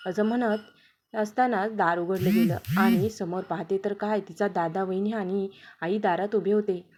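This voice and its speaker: Mellow woman reading a family story. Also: medium pitch, fairly even intonation, measured pace. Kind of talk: scripted story narration.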